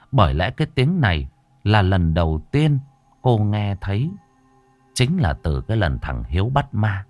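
A man telling a ghost story with dramatic pacing. His voice sits a little low but swings widely in pitch. The recording is dry and close. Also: darkish tone, husky, no room sound. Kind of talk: horror story narration.

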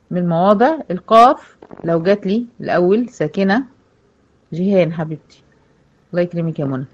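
An Egyptian woman gives a tajweed lesson to her female students. She speaks patiently, poses questions and then answers them herself. The recording sounds muffled and lo-fi. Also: mid-range voice. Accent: Egyptian Arabic. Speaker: Quran recitation teacher.

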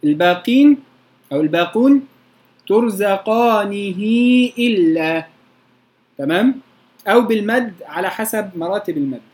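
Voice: medium pitch, lively intonation, a little mellow. Egyptian-accented recitation teacher. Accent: Egyptian Arabic. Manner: slowly intones verse examples, then checks understanding with the class. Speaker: teacher of Quranic readings. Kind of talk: recorded lesson explaining recitation rules.

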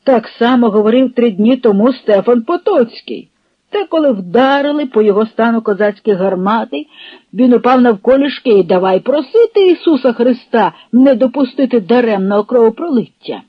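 This is a steady, grave Cossack elder, voiced by a reader. He speaks in a measured, oratorical way with plenty of rise and fall. The old radio recording sounds dull and dry. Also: mid-range voice, husky, no room sound. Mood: earnest. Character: Cossack elder calm, steady, pleading for peace.

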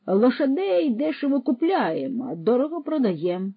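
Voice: sits high, sing-song, moderate pace, husky, dry recording, pitched above the performer's own voice, exaggerated voice. A narrator voicing a terse male horse thief who gives short, clipped answers, on a dull, dry recording. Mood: curt.

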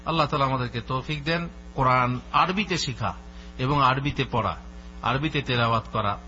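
A man's voice: medium pitch, normal speed, bright, forceful tone. A man giving a religious lesson, explaining points by asking questions and answering them himself. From West Bengal. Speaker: Islamic scholar giving a lesson. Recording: dull lo-fi audio with faint mains hum.

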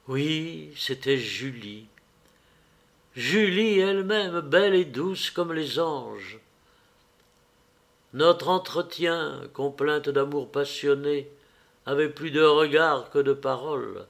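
A male narrator reads a classic tale at an unhurried, deliberate pace. His voice sits a little high and he shapes each phrase expressively, in the manner of a literary audiobook. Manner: measured, expressive reading. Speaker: audiobook reader.

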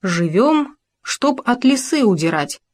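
Woman playing bossy stingy hare, blurts, higher voice. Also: very animated, slow pace, exaggerated voice.

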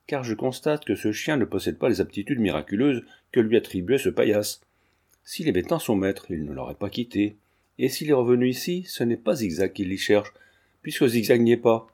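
A man reading the lines of a calm young gentleman in an audiobook, explaining things in a reasoning way. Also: mid-range voice, natural voice.

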